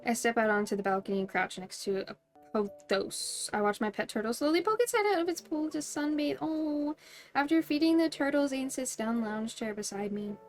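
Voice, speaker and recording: A woman's voice: on the high side, brisk, faint music behind. A woman streaming a game, reading its text aloud and breaking into bubbly, giggly, playful asides.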